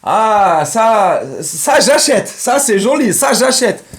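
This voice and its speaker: A man voicing an excitable rich buyer who gushes and repeats himself as he snaps up landmarks. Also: high-pitched, slow pace, pitched above the performer's own voice, exaggerated voice. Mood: giddy. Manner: squealing, giddy, repeats himself.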